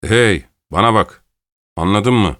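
A man's voice: lowish voice, animated, measured pace, a bit bright, no room sound, studio quality. A man voicing a bossy male fight promoter who talks in a blunt, coaxing way.

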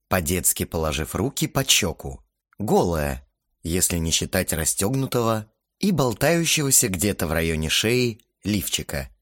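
Male narrator, amused and wry, lively delivery, dry booth. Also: fairly low pitch, dry recording. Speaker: audiobook narrator. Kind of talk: audiobook reading.

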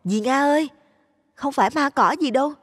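An actress playing a calm, caring young daughter-in-law. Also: female voice, high voice, normal speed, big-room sound, natural voice. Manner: soothing, patient.

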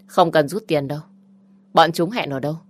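A woman's voice: low-pitched, normal speed. A woman voicing a young man who firmly takes charge and insists on coming along. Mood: insistent. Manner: firm, insistent.

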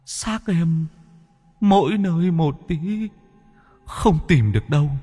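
A man's voice: fairly high pitch, animated, takes it slowly, warm tone, breathy edge, in a large hall, soft background music, voice pushed up, full character voice. A man voicing the ghost of a murdered young man in a spoken horror story, begging his brother to flee. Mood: pleading. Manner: wailing, begging. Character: drowned young man's ghost, pleading, terrified.

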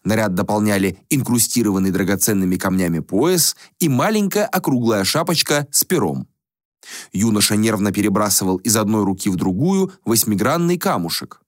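A man narrates a fantasy audiobook with a lively, varied delivery. His storytelling is steady and expressive. The recording is dry and close. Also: fairly low pitch, normal speed, no echo. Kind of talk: scripted narration.

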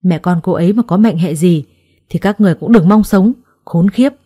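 A woman voicing a young man who bursts out in angry, protective shouts in a storybook reading. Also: medium pitch, a little fast, no room sound, clean studio sound, close to an everyday voice. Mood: furious. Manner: urgent, angry outbursts.

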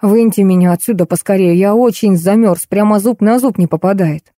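A woman's voice: medium pitch, fairly quick, dark tone, dry recording, studio quality, natural voice. A woman doing a grumpy, touchy police colonel. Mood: grumbling. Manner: complaining, pleading.

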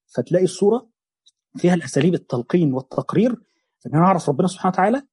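A young Egyptian-accented man teaches a Quran chapter, explaining in a rapid, slightly raised voice. His tone is mellow and husky, and the recording is dry and close. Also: high-pitched, animated, no room sound. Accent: Egyptian Arabic. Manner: fast colloquial explanation mixed with quoted verses. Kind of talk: religious lesson on a Quran chapter.

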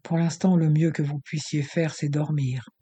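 Male reader as composed gentleman, polite, dark and husky, audiobook. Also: a little high, little pitch movement. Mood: reassuring. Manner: measured, polite address. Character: courteous, composed gentleman, man, calm and gracious. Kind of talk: audiobook character reading.

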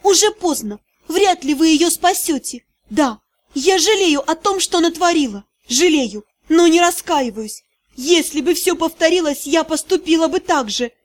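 A woman reading an audiobook, voicing a desperate, proud sixteen-year-old girl in a shrill, shaky voice. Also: animated, normal speed. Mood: defiant.

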